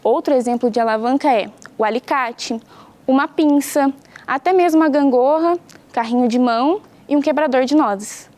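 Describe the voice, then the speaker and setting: At a moderate pace, a young woman teacher from Brazil takes her pupils through a home science lesson, patiently making things clear and asking them questions. Her voice is high-pitched with a somewhat dark colour.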